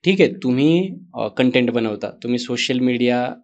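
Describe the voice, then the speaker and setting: A man's voice: medium pitch, animated, moderate pace, dull audio. A man hosting an interview, asking long, thoughtful questions in casual talk.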